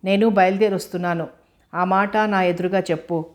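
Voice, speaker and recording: A woman reading the part of a young male doctor, a quick-tempered and affectionate fiancé, in a storybook. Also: mid-range voice, steady tone, close to an everyday voice. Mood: teasing.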